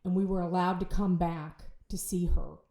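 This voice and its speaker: A middle-aged woman, telling a personal story as a podcast guest in a halting way, with restarts and repeated words. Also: fairly low pitch, steady tone, dark tone. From Ohio, United States. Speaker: bereaved mother, podcast guest. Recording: roomy echo.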